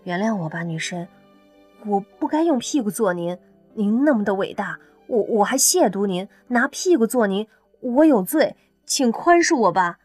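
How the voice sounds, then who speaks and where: 一名女子在有声书中为一个战战兢兢、低声道歉的年轻男子配音，说话犹豫结巴。. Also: female voice, lowish voice, takes it slowly, long pauses, fairly bright tone, soft background music, voice pushed down, exaggerated voice. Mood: sheepish. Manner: meek, hesitant, stammering. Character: timid young man apologizing sheepishly. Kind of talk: audiobook character voice.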